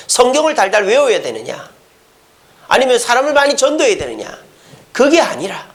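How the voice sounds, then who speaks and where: A male pastor giving a conversational sermon at a Friday church service, full of rhetorical questions. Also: sits high.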